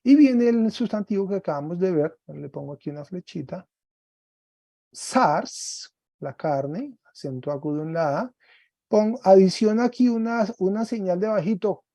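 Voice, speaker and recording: A man teaching a Greek class online, explaining slowly step by step and often checking with "¿cierto?". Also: sits high, lively intonation, vocal fry, dark tone, no room sound.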